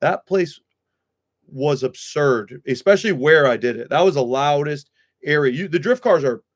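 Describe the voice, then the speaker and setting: A man's voice: a little high, expressive, normal speed. A man hosting a casual live chat with friends, talking bluntly and swearing freely. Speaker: streamer host. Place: room with friends.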